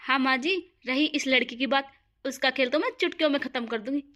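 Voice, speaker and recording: A smug, cruel aunt plots against an orphaned girl, as a woman voices her. Her high voice is sly and dismissive, in a cartoon story. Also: fairly quick, pushed and bright.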